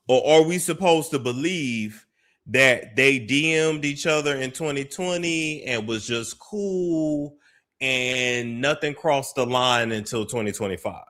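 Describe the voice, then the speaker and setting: Reacting to clips on his commentary show, this host sounds gossipy and skeptical. His voice sits mid-range with a slightly bright tone.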